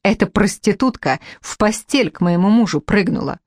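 A woman's voice: medium pitch, expressive, normal speed, a little mellow, no echo, studio quality, close to an everyday voice. A woman reading the part of a betrayed pregnant wife in an audiobook, furious and desperate. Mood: wailing.

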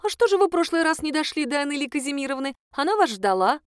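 A woman voicing a plump, nosy female accountant who speaks in a shrill, flustered and indignant way. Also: very animated, fast talker, no room sound, studio quality. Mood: curious.

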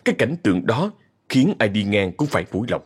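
Low-voiced man narrating a horror story. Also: big pitch swings, slightly rough. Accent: Southern Vietnamese. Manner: measured, ominous storytelling.

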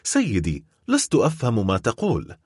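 A man's voice: mid-range voice, huge pitch swings, moderate pace, darkish tone, breathy edge, no room sound, clean studio sound. A man voicing a frightened young wife who cries out and pleads, in an audiobook reading. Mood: startled. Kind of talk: audiobook character voice.

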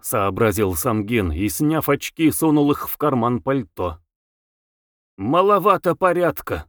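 A man narrating a novel in a measured audiobook reading on a close mic. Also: medium pitch, no room sound.

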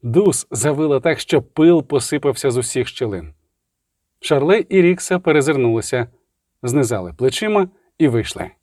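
A man's voice: mid-range voice, expressive, moderate pace, a little mellow, no echo, studio quality. A man narrating a fantasy novel as an audiobook, telling it dramatically and shifting his voice for the characters.

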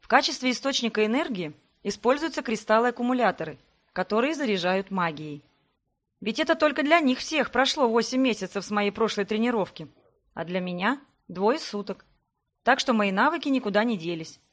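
A woman narrating a first-person novel in a measured, even reading. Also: on the high side. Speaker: audiobook reader.

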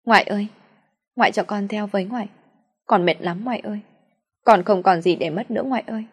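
A broken, grieving young woman, played by a woman narrating an audio story, tearful and pleading. Her voice rises higher and louder than the narration, with a husky edge. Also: fast talker. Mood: sobbing.

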